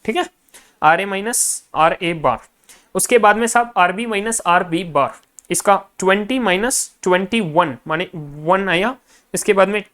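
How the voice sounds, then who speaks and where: A man's voice: sits high, a little slow, a bit bright. A male finance lecturer in a recorded class, adding up figures aloud half to himself and coaching students directly.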